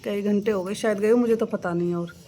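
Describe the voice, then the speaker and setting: A woman's voice: medium pitch, steady tone, a little fast, dark tone, slight background noise. A young woman and mother chatting casually in a home vlog, coaxing her children in a sing-song way. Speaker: vlogger and mother. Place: outdoors at home in the rain.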